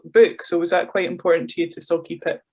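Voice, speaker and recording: A Scottish man interviewing an author, chatty and quick to agree with short backchannel replies. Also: on the high side, steady tone, darkish tone. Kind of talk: casual interview chat.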